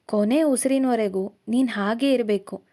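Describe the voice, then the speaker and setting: A woman voicing a calm, gentle young husband in a storybook reading, speaking softly and steadily. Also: a little high, normal speed, lightly acted. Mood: gentle reassurance.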